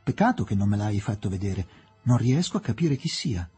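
A man reading an audiobook and voicing a young English official who speaks curtly, hoarsely and domineeringly. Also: lowish voice, sing-song, normal speed, dark tone, soft background music, exaggerated voice. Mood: indignant.

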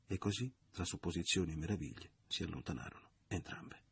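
A man narrating a novel in a measured, literary audiobook reading. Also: low voice, creaky, a bit bright, breathy edge, no echo.

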